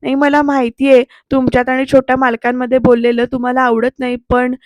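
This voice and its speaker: A woman reading the lines of a calm, earnest young woman who pleads politely and reasons with an elder. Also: high-pitched, no echo, studio quality, lightly acted. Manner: polite, persuasive, measured.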